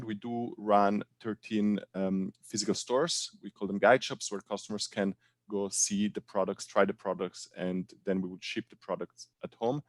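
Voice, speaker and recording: A low-voiced man from Italian-speaking Switzerland, a brand co-founder, introduces himself as a guest on an online panel. He sounds earnest but halting, with many fillers, and both his voice and the recording are dry.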